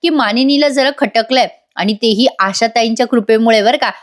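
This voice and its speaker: Woman, chatty voice-over review, talks to viewers directly, fairly high voice. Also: normal speed. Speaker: TV serial reviewer.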